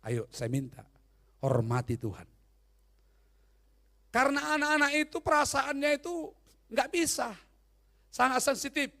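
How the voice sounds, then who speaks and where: A male pastor preaching with a fairly high voice that rises and falls in big swings. He is animated and humorous, and keeps tossing questions out to the congregation. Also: measured pace, gravelly, long pauses. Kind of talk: sermon.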